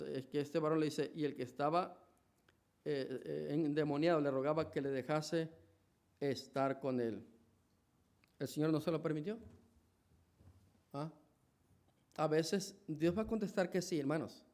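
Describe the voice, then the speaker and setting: A man's voice: fairly high pitch, darkish tone. A man with a Mexican Spanish accent preaching a sermon in a church, conversational, with many restarts and rhetorical questions. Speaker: pastor.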